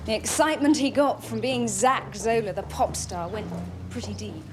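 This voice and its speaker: An actress playing a composed, monied woman in a TV drama, measured and formal. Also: fairly high pitch, lively intonation, close to an everyday voice. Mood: concerned. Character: composed, genteel, monied woman hiring help. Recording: clear background noise.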